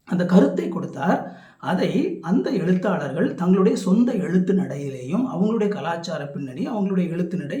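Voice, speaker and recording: Man, Bible teaching talk, slightly high voice, roomy echo. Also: a little mellow. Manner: explanatory, repeats phrases, frequent fillers and restarts.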